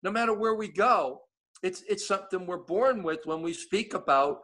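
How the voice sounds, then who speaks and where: This East Coast American man, on as a guest, rambles casually through his updates with frequent restarts. He speaks at a moderate pace in a high-sitting voice with a fairly bright tone.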